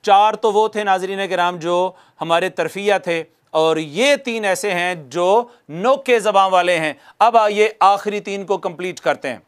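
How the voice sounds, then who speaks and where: A man teaching Quran recitation in a recorded lecture, asking himself questions and answering them, repeating letter sounds slowly to demonstrate them. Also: high-pitched, smooth. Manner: drills by repeating and answering his own questions.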